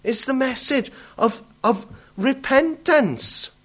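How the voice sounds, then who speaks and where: A man's voice: very high voice, lively intonation, slow, a bit bright, husky. A man preaching a morning sermon, asking the congregation rhetorical questions and repeating his points with frequent restarts. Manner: restarts and stumbles over words.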